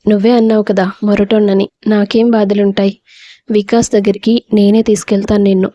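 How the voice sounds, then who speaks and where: A woman voicing a gruff but gentle-hearted young village man in a storybook reading, speaking bluntly and with quiet resignation. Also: medium pitch, flat delivery, fairly quick, dry recording, highs cut off, natural voice. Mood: plain,subdued.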